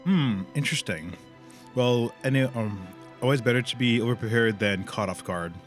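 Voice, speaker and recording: Game music plays while a male streamer talks his way through a video game in loose, crude slang. He speaks at medium pitch and a moderate pace.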